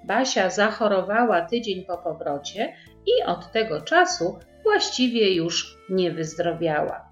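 Woman reading to small kids, slow, gentle, echoey room, muffled sound, soft music. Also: medium pitch, very animated. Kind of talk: reading a story aloud to children. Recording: roomy, dull sound with faint music.

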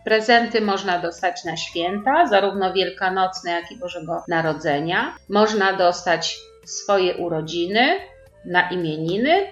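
A woman reading a children's story aloud, gently addressing young listeners. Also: mid-range voice. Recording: roomy, dull lo-fi recording.

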